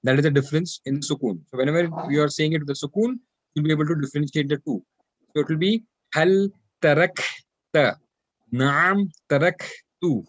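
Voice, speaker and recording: A man teaching an online Arabic class, patiently repeating phrases slowly for his students. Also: fairly high pitch, a little mellow, dry recording.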